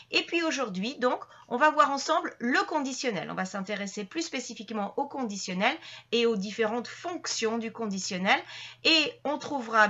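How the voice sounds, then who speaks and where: A woman's voice: fairly high pitch, bright, forceful tone, muffled recording. A woman teaching a French grammar lesson to her channel's viewers, explaining patiently step by step with frequent fillers and restarts.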